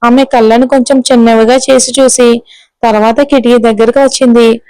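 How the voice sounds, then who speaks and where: A woman storyteller giving scripted narration of a serial audio story in a steady, even reading. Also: a little high, normal speed, smooth, no room sound, poor audio.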